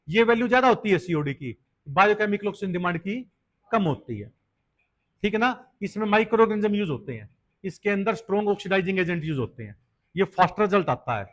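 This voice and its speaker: High-voiced male biology teacher. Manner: explains step by step, asks students questions; mixes English terms into Hindi teaching. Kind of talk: exam-prep lecture.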